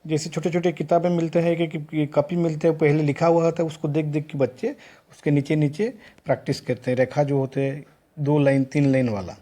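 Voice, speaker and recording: Speaking briskly in a slightly high, warm voice with level intonation, a middle-aged teacher educator addresses trainees in class. His examples come out one word at a time, with frequent restarts.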